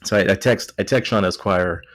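With a Texan accent and a low voice, this podcast host has had a few beers and is tipsy. He keeps the chat casual and jokey, rambling and correcting himself at a normal speed. The sound is clean studio audio with no room sound.

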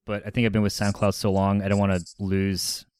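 A man's voice: fairly low pitch, fairly even intonation, moderate pace, darkish tone, no echo, studio quality. A man chatting casually on a podcast, often repeating words as he thinks aloud. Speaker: podcast host.

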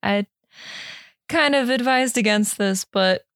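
Her voice is a little high and fairly bright, and she speaks slowly in a dry recording with clean studio sound. As a podcast host, she chats informally and self-deprecatingly about beer, partly reading from notes.

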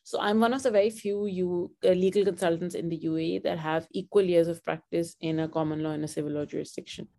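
A woman from Pakistan, a lawyer, talking as a podcast guest in animated, conversational storytelling with frequent restarts. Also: lowish voice, fast, hardly any pauses. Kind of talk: conversational interview.

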